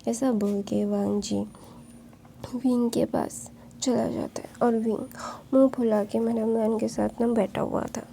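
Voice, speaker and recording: A woman's voice: a little high, level tone, a little slow, gravelly, mellow, a little hiss or hum, low-quality recording. A woman retelling a fanfiction story casually, chatty and full of fillers.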